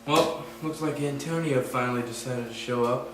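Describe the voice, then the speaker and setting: A young man playing a stern schoolteacher taking roll in a comic skit, with bossy, deadpan announcing. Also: medium pitch, normal speed, over music, lightly acted. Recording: echoey room, far from mic, noisy.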